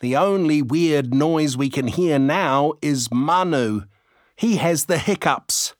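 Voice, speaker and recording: A man voicing a cheerful young girl who plays secret agent on a farm, in a bright, playful way. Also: fairly high pitch, slow pace, dry recording, clean studio sound, voice pushed up.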